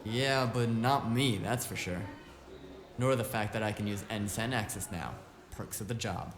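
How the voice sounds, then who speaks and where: A man with a fairly low, everyday-sounding voice speaks at a moderate pace as a wisecracking, streetwise hacker sidekick in a cyberpunk audio drama. His delivery is casual, slangy and flippant, yet his mood is focused and musing.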